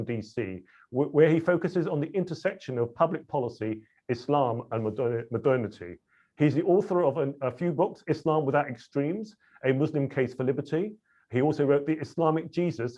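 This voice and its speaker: A man's voice: medium pitch, a little mellow. A man hosting a webinar, chatty and a little self-deprecating, with frequent fillers. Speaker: webinar host. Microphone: video call. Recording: dull lo-fi video call audio.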